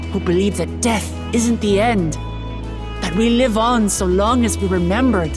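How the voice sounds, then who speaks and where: In a video game cutscene, a woman plays an earnest young princess and hopeful heir, delivering a measured, sincere speech. Her mid-range voice is lightly acted and carries a warm, moved feeling.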